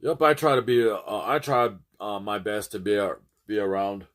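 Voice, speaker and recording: A man's voice: lowish voice, fairly even intonation, moderate pace, fairly bright tone. A man chatting casually to his livestream audience, rambling and often restarting and repeating his phrases. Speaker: streamer.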